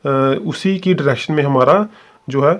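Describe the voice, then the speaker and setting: A man's voice: fairly high pitch, moderate pace. Man, teaching shorthand, patient, repetitive, checks in often. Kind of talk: explanatory classroom lesson.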